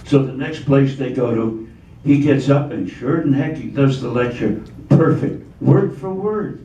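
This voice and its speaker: An older man telling a string of jokes to a live audience, in a steady storytelling delivery. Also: medium pitch, moderate pace, dull audio. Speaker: joke teller. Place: hall of a community forum. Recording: roomy, distant sound with faint ambient noise.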